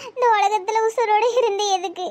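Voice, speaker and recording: A woman's voice: very high-pitched, steady tone, normal speed, darkish tone. A heartbroken young woman. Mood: sorrowful. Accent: Tirunelveli Tamil. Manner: self-pitying lament.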